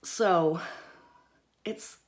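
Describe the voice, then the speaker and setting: A woman hosting a mindfulness talk in a casual teaching style, chatty and loose, often checking in with her listeners. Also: extremely slow. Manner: conversational, often checks in with "right?" and "okay?"; loose and chatty, with frequent "kind of" and "you know".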